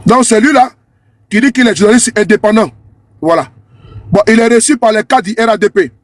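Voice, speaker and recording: Male vlogger, high voice, dry close sound, scornful and repetitive running commentary to camera. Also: a little fast, dry recording. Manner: repetitive, scornful, keeps asking "you see?". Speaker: online commentator. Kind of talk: talking to camera while scrolling a social media page.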